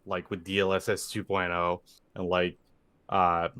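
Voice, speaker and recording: A man's voice: deep voice, flat delivery, measured pace, a bit bright, smooth. A man co-hosting a podcast in casual chat, rambling and filling his talk with "like". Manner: rambling, heavy use of "like"; reads out viewer donations. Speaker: podcast co-host.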